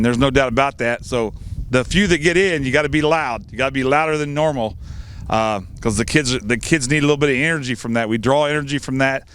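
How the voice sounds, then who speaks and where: A middle-aged American man, a high school football coach, answering pregame interview questions in a plain-spoken way through a face mask. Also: fairly bright tone, slight background noise.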